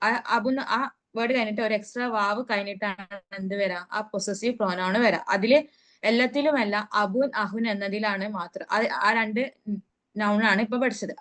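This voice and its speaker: A woman teaches an online grammar class over a call mic. She poses questions to her students and answers them herself, spelling out each vocabulary word slowly. Her voice sits at a middle pitch. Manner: recites Arabic words slowly. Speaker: Arabic teacher.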